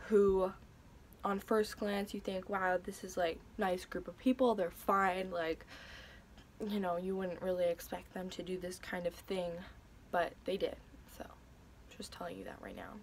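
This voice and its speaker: A woman's voice: medium pitch, slight background noise. A young woman telling a personal story in a vlog, hesitant and emotional, with many fillers and restarts. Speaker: vlogger.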